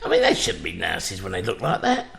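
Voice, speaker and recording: A man's voice: low-pitched, wildly swooping pitch, brisk, creaky, fairly bright tone. A man telling a crude, sweary story in a casual chat.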